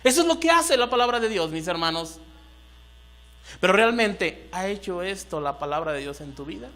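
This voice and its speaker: Mexican pastor preaching, high bright voice, keeps quizzing the crowd, some hum behind. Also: male voice, expressive, normal speed. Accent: Mexican Spanish. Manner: preaching with rising emphatic bursts and questions to the congregation. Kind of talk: sermon. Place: church hall.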